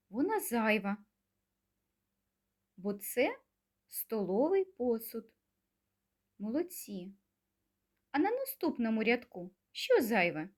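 A woman teaching a speech lesson to small children, asking gentle questions and pausing for answers. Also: fairly high pitch. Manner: slow, gentle, coaxing questions with pauses. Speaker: kindergarten teacher.

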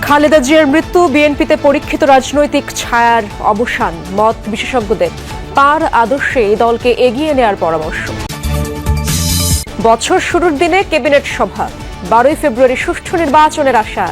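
A woman news anchor reading headlines and reports in a measured, formal way. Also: high-pitched, animated, over music.

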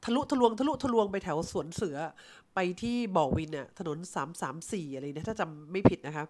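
A woman's voice: low-pitched, animated, brisk, noisy background. A middle-aged woman from Thailand telling a personal story and acting out both sides of the conversation. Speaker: insurance agent team leader. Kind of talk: storytelling talk.

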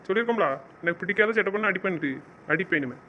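A man's voice: high-pitched, very fast, a little hiss or hum. A man in a romantic audio drama, scolding and teasing his partner in a bossy way. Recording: dull lo-fi recording.

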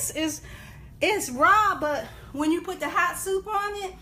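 A woman's voice: very high-pitched, a little slow, pushed and bright. A woman in her fifties cooking in her home kitchen and explaining each step as she goes, recorded on a phone that moves around her. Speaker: guest cook. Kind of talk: cooking demonstration.

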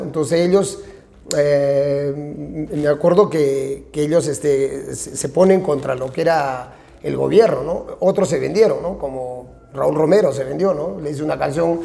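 A Peruvian man in his forties, a band's singer and songwriter, talks openly in an interview seated at a small restaurant table. His voice is gravelly and dark, and it sits slightly high for a man. His delivery is frank and animated, full of tag questions. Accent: Peruvian Spanish. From Peru. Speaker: band vocalist and songwriter. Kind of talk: casual interview talk. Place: small restaurant with brick walls.

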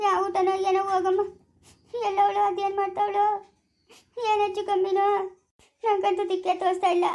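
A woman's voice: very high voice, completely flat delivery, a little fast, long pauses, a little mellow. A woman playing a worried village mother who is crying and rambling over her missing daughter in a family drama. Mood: tearful worry. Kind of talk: amateur family drama acting.

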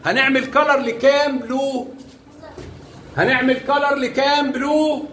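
High-voiced Egyptian man teaching small children. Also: fairly even intonation, measured pace, fairly bright tone. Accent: Egyptian Arabic. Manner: coaxing, showers children with praise and pet names. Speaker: primary school math teacher. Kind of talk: classroom teaching with young children. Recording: echoey room, faint background noise.

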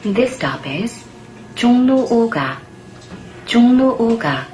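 Formal woman's subway announcement over train speakers. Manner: calm, measured, formal and polite. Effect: train announcement over onboard speakers. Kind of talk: recorded transit announcement. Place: inside a moving subway train. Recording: echoey train car with loud rail noise. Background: train rumble and carriage noise.

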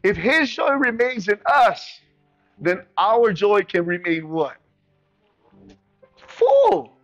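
A man from the Pacific islands preaching a sermon as pastor, with animated call-and-response and a playful manner. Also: sits high, slow pace, lo-fi sound, faint music behind.

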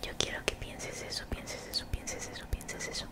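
A young woman gives soothing, motivational ASMR in a breathy whisper very close to the mic, gently repeating phrases. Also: normal speed. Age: young adult. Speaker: ASMR creator. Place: small bedroom, indoors. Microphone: desktop condenser mic, very close.

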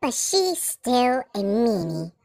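A woman's voice: on the high side, big pitch swings, slow, darkish tone, dry recording, studio quality, exaggerated voice. A woman voicing a sulky little owl demon girl in a childish, pouty manner for an amateur comic dub.

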